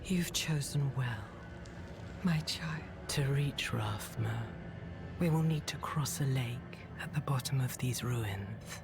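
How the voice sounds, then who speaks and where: A woman playing a commanding, calm demonic mother in a video game, slow and half-whispered. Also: very deep voice, heavily acted. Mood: solemn, coaxing. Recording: game audio under loud music.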